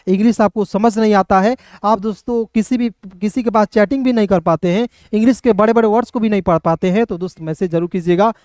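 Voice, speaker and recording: A man's voice: high-pitched, quick pace, hardly any pauses, darkish tone, smooth, no room sound, clean studio sound. A man teaching English pronunciation in an online class, spelling words out letter by letter and checking in with viewers again and again. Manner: spells words letter by letter, repeats answers and asks the viewer to repeat; addresses viewers as friends, frequent check-ins.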